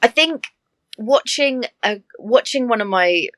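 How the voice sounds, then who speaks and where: A woman who works as an air hostess, telling stories in a chatty, animated way with laughing asides. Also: fairly high pitch, unhurried. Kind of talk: casual interview chat.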